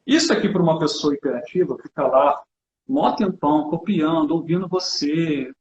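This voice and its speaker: A man's voice: on the high side, moderate pace, reverberant, dull audio, slight background noise. A man from Brazil, a teacher, chatting casually and animatedly while demonstrating classroom materials, often adding "né". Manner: animated, hands-on, chatty with fillers like "né". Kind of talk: casual conversation.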